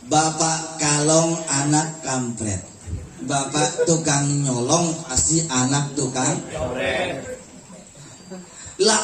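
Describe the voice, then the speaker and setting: A man preaching a comic Islamic sermon at a house gathering, teasing the crowd. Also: sits high. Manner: joking, teasing the crowd, lively. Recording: echoey room, distant mic, music.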